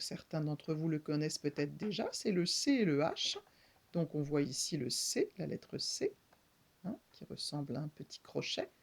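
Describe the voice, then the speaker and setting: A woman speech therapist giving a children's reading lesson, articulating sounds slowly, clearly and patiently. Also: fairly low pitch, darkish tone.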